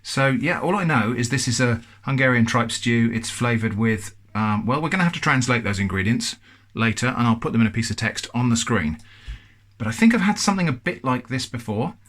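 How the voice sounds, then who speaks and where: English male host, casual food-review chat, thoughtful, mid-pitched. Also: animated, a little fast, a bit bright. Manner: chatty, thoughtful, self-deprecating.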